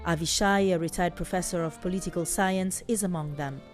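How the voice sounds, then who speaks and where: A woman's voice: on the low side, fairly even intonation, fairly quick, soft background music. A woman reporter reading a scripted news voice-over.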